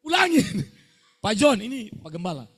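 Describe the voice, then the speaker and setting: A man's voice: very high voice, sing-song, moderate pace, husky. A middle-aged male pastor, preaching a scolding sermon to students and firing call-and-response questions at them.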